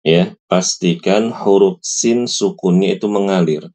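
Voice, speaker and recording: Man, recitation teacher, patient and repetitive, very low voice, slow. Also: warm tone. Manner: patient, repeats and models recitation slowly. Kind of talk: online recitation lesson.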